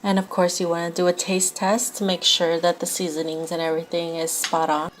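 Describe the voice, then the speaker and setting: Young woman, slightly low voice, casual recipe narration, conversational, faint background noise. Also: flat delivery, fairly quick, low-quality recording. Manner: informal, conversational. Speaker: home cook presenting a recipe.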